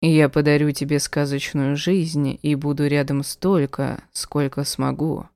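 A tender, teasing male werewolf played by a woman reading an audiobook murmurs softly and unhurriedly. The voice sits low and mellow, and it is recorded dry and close with no room sound. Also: flat delivery, smooth, dry recording. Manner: soft, slow and hushed. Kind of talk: audiobook character voice.

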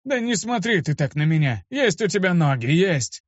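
A man voicing a grumpy old male mage with a creaky, gruff voice, in a dull, dry lo-fi recording. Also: high-pitched, big pitch swings, normal speed, no room sound, voice pushed up. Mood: teasing. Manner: gruff, scolding.

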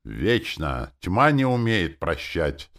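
A man's voice: sits low, sing-song, normal speed, voice pushed up. A man voicing a spiteful, boastful female demon who mocks and gloats. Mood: spiteful mocking. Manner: sneering and boastful. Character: mocking proud female demon, spiteful and loud.

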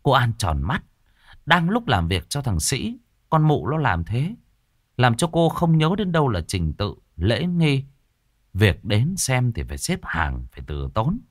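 A man's voice: medium pitch, wildly swooping pitch, measured pace, no echo, studio quality. A man narrating a ghost story expressively and dramatically.

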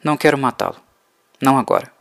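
A man voicing a pale, ageless male vampire who speaks slowly and softly with quiet mockery. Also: mid-range voice, animated, creaky, no echo. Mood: cold, mocking. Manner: slow, soft, mocking.

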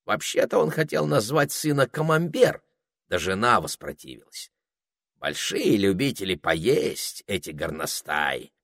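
A man's voice: fairly low pitch, very animated, measured pace, gravelly, fairly bright tone, dry recording, clean studio sound, voice pushed up, heavily acted. A man voicing a bossy, snappy male parrot in an audiobook. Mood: chatty. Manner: snappy, chatty, impatient. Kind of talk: audiobook character voice.

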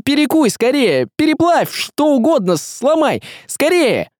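A man voicing a desperate young male hero in an audiobook, shouting commands urgently. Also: extremely high pitch, huge pitch swings, measured pace, dry recording, studio quality, voice pushed up, heavily acted. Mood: frantic.

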